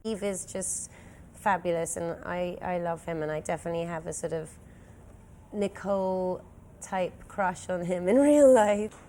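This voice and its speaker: A woman with a fairly low, mellow voice gushes enthusiastically in a junket interview. Faint noise is present. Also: a little slow. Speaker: actress interviewed about a film.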